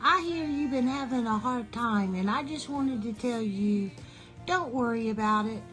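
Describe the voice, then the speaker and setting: A woman voicing a young female pet dog who talks in a gentle, childlike, reassuring way. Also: fairly high pitch, moderate pace, soft background music, close to an everyday voice, poor audio. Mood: sweet.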